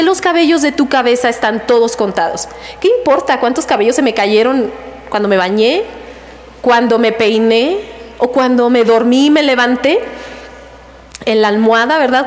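A woman's voice: high-pitched, slight background noise. A middle-aged woman giving a casual devotional talk about a personal story, laughing often as she tells it.

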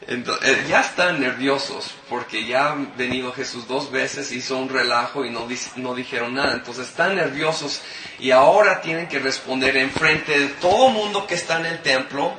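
A man's voice: mid-range voice, normal speed. A man in his thirties preaching a sermon, explaining scripture and asking the congregation questions. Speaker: pastor. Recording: echoey hall from far off with noise.

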